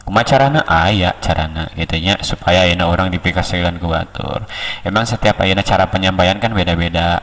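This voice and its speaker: Deep-voiced Sundanese man teaching speech. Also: a bit bright, big-room sound, far from the mic. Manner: slow, unhurried, with many pauses. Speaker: speech coach. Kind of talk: casual tutorial on preaching delivery.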